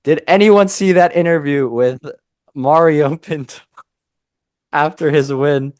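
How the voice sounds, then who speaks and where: A young man co-hosting a casual fight-analysis podcast, opinionated and animated, often breaking off mid-sentence. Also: on the high side, unhurried, smooth, no room sound, clean studio sound. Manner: animated, opinionated, self-interrupting. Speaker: MMA podcast co-host.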